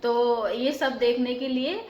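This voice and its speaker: A fairly high-voiced woman chats to her viewers at home, filling her explanations with small pauses and fillers. The room around her is noticeably echoey. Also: fairly even intonation, a little mellow, dull audio. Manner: chatty, explains with many fillers. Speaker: vlogger host. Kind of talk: casual vlog chat. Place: home balcony.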